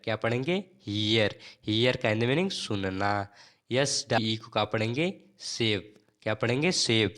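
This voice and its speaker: A man's voice: mid-range voice, a bit bright, clean tone. A man teaching an English lesson, spelling words out letter by letter and asking and answering his own questions in a drilling rhythm. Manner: spells words letter by letter, then repeats them slowly.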